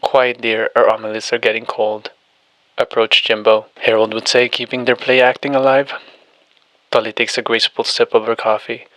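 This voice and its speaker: A man narrating an audiobook and reading every character's lines in an even, steady delivery. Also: mid-range voice, moderate pace, no room sound, low-quality recording.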